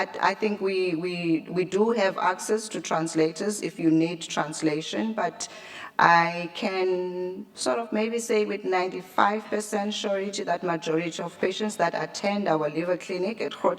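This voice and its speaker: A South African woman, a liver clinic doctor, answering a conference question with hesitant restarts and fillers. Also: lowish voice. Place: conference room.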